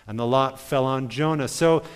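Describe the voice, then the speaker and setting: A man's voice: medium pitch, moderate pace, clean tone, big-room sound. A male pastor preaching a sermon in a conversational storytelling manner, driving points home with rhetorical questions.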